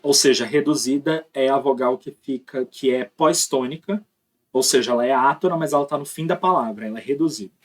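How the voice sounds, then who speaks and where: A man's voice: mid-range voice, a little fast. Male teacher explaining step by step. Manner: explains step by step, often checks with "tá?". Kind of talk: recorded classroom lesson.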